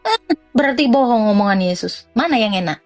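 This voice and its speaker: Young woman, high voice, blunt mocking commentary, dry close sound, faint music behind. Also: a little fast, dry recording. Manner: blunt, mocking and animated, with laughs and swings of pitch. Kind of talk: informal religious commentary rant.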